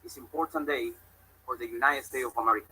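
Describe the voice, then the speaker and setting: A man's voice: mid-range voice, quick pace, pushed and bright, slight background noise, low-quality recording. A man from Cuba, giving an emphatic, grateful public speech. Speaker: speaker at a public event.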